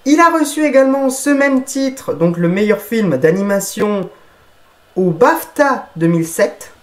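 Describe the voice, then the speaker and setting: A man's voice: sits high, expressive, measured pace. A man presenting a film review from a script, reading carefully and correcting himself now and then. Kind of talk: scripted narration.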